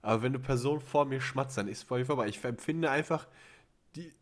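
A man's voice: medium pitch, brisk. A man co-hosting a podcast in casual chat, talking thoughtfully and searching for his words. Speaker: podcast co-host.

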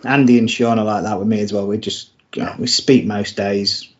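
Low-voiced man, lo-fi. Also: steady tone, fairly quick. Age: middle-aged. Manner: friendly, says "mate" a lot. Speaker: podcast co-host. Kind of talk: casual chat. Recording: dull lo-fi sound.

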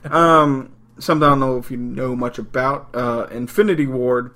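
A podcast co-host with a bright, forceful voice. He chats casually about games, cracking jokes, swearing freely and filling gaps with ums. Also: mid-range voice, moderate pace. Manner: joking, profane, trailing off with lots of ums.

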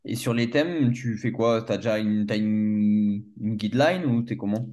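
A man's voice: fairly low pitch, a little slow, darkish tone, faint music behind. Brief: hesitant male interviewer, casual. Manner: hesitant, many fillers.

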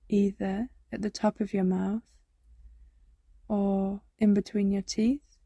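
A woman guiding a body scan meditation, speaking softly and soothingly, often slipping into a whisper. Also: mid-range voice, no room sound. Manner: slow, soft, soothing, drifting into whispers. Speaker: meditation guide.

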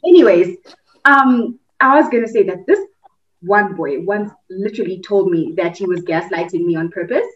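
Young woman, reflective casual chat, mid-pitched voice, muffled recording, set back from the mic. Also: normal speed, recorded from a distance. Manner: reflective, mimics others in high voices.

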